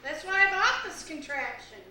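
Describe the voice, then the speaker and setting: An actress playing a hard-of-hearing older woman who is muddled and complains loudly. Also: very high-pitched, animated, normal speed, slight background noise, full character voice. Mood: fussy. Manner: scatterbrained, loud and complaining. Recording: echoey stage from far off.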